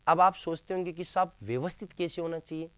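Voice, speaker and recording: A man's voice: a little high, brisk, a bit bright, smooth, no echo. A male teacher giving a classroom lecture, asking questions and answering them himself, repeating key terms with emphasis. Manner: addresses listeners as friends, emphatic.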